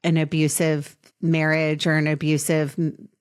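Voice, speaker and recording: This podcast host, a woman in her late 20s, has a deep, smooth voice with a level tone. She addresses her guest with earnest affection, becoming slower in the emotional parts.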